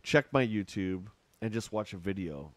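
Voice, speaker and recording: Streaming from home, a middle-aged Canadian man plays a game and chats away with his viewers in a lowish, animated voice at a normal pace. The recording is dry with no room sound, and he rambles along, answering messages from chat.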